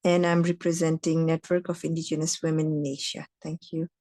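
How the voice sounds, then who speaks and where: A woman from Nepal briefly states her name and community on an online call. Her voice sits low, and the audio is dry. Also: little pitch movement, fairly quick, warm tone, no room sound. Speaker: participant. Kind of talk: self-introduction on a call.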